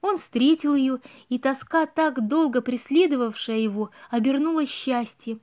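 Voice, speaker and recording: Woman, audiobook reader, storybook narration, expressive, fairly high voice. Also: unhurried.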